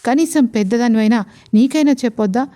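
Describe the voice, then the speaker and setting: A woman's voice: fairly high pitch, a little fast, warm tone, lightly acted. A woman voicing an irritable, spiteful younger aunt-in-law in a storybook romance, sounding snippy and annoyed. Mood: irritated.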